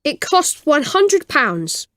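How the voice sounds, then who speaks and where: A woman playing a polite, helpful shop assistant in a scripted language-lesson dialogue, with careful, clear enunciation. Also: sits high, sing-song, slow, fairly bright tone, dry recording, exaggerated voice.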